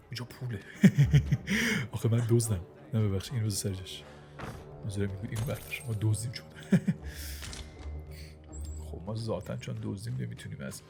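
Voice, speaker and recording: A man giving casual, excitable gameplay commentary, often dropping to a whisper while sneaking through the game. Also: mid-range voice, gravelly. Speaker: gaming channel host. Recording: game music playing behind the voice.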